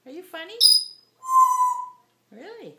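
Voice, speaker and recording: High sing-song woman coaxing her bird. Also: sing-song, slow pace. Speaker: pet owner. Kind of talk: baby talk to a pet bird. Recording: echoey room with loud noise. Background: dogs barking.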